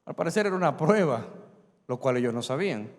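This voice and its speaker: A man's voice: mid-range voice, lively intonation, quick pace. A middle-aged man preaching a sermon as pastor, acting out Bible dialogue in changed voices and calling on the congregation to repeat after him. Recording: long reverb of a large hall.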